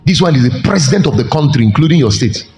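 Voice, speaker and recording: Male pastor, lively preaching voice, big pitch leaps, echoey hall with faint music behind. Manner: animated preaching with sudden pitch jumps and slow emphatic stretches. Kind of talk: sermon.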